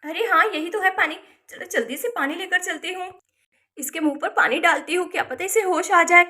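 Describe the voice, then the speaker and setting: A woman doing a brisk helpful village neighbor. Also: extremely high pitch, sharp tone. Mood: urgent. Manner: urgent, brisk, calling out.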